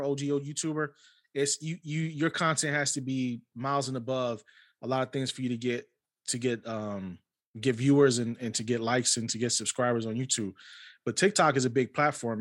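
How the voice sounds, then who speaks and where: A man's voice: medium pitch, a bit bright. A man hosting a podcast, giving a guest encouraging advice in casual conversation. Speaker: podcast host. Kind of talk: casual interview chat.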